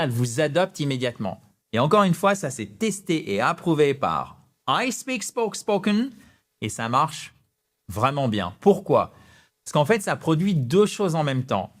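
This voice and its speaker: A man with a French accent, an English teacher giving a direct-to-camera lesson in a lively, chatty way with self-mocking asides. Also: mid-range voice.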